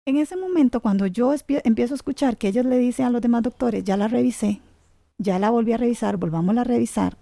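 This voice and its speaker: A woman's voice: fairly high pitch, gravelly, dark tone, no room sound. A middle-aged woman gives an earnest, devout personal testimony, with restarts and tag questions. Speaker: guest sharing a grief story.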